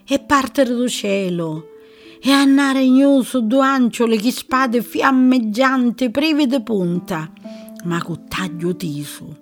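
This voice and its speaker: Slow Sicilian woman reading verse. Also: a little high. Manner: expressive, measured. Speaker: reader. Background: faint music.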